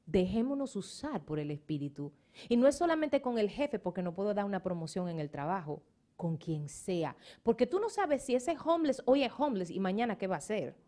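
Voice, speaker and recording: Preaching a sermon slightly fast in a mid-range voice, this middle-aged woman pastor tells stories with animation and emphasis. English words keep cropping up in her speech.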